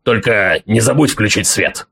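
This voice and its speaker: A man voicing a coarse, bullying male shadow who talks in blunt street slang, low and gravelly. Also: lively intonation, unhurried, bright, forceful tone, full character voice. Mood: swaggering menace.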